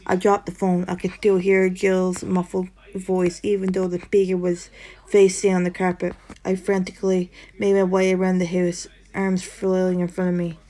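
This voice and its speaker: A woman narrating a first-person horror story in a steady storytelling way, with the odd tongue-tied slip. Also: lowish voice, moderate pace.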